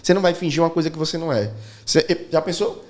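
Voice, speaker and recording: A man hosting a casual videocast chat, telling animated stories and mimicking people. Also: on the high side, rapid-fire. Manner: animated storyteller, mimics people mid-story. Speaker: videocast host.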